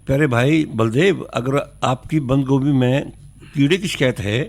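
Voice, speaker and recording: A man's voice: medium pitch, moderate pace, gravelly, a little mellow. A North Indian man with a mid-range voice gives phone-in advice. He is courteous and instructive, laying out steps and repeating what matters. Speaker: agriculture expert.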